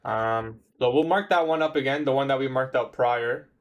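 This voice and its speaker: A young livestream trader in his twenties chats casually with viewers, replying to their questions in a mid-range voice at normal speed. He sounds laid-back, uses slang freely, and says "bro" a lot.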